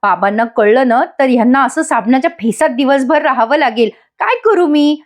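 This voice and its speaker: A woman voicing a fretful young wife in a soap, speaking in a hushed tone. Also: sits high, expressive, moderate pace. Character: worried young wife, gentle.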